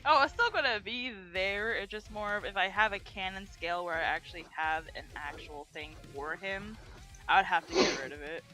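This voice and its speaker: A woman's voice: mid-range voice, brisk, pushed and bright. A woman chatting playfully while she draws, rambling about her character with laughs. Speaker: artist, streamer. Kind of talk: casual chat while drawing. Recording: faint music behind.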